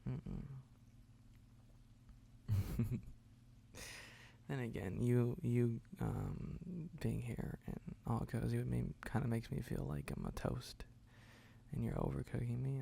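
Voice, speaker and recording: A sleepy, tender boyfriend played by a man murmurs to his partner in an ASMR role-play. His husky voice is dark and mellow, heavy with gravelly fry. He drawls slowly and drowsily, with soft hums and sighs and a gently teasing affection. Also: mid-range voice, heavily acted. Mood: playful, drowsy. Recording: faint background noise of rain.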